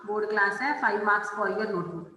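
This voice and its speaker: A woman teacher running an online class, speaking slowly and stretching out her English phrases as she calls on students by name. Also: medium pitch, pushed and bright, slight background noise. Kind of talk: online class lesson, mixing Hindi and English. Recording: echoey room with long reverb.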